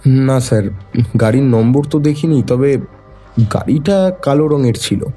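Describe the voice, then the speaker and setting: An actor playing a young office worker answering a detective deferentially, calling him sir. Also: male voice, medium pitch, a little slow, warm tone, slightly rough, faint music behind. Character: nervous young male office worker questioned by police.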